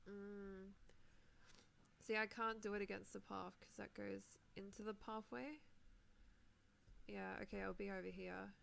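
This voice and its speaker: Poor audio with a little hiss or hum carries a young woman's medium-pitched, slightly bright voice, marked by vocal fry, fairly even intonation, a somewhat slow pace and long pauses. She's a New Zealand Minecraft streamer on the mend from a sore throat, chatting casually as she plays, rambling with fillers and lots of laughs.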